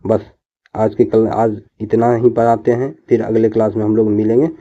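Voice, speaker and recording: A man teaching an online class, explaining slowly and answering his own questions. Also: lowish voice, little pitch movement, warm tone, lo-fi sound.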